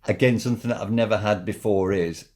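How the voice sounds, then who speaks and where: A man giving a casual, hands-on product review in an informal, halting way, repeating himself as he demonstrates. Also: fairly low pitch, fairly even intonation, darkish tone.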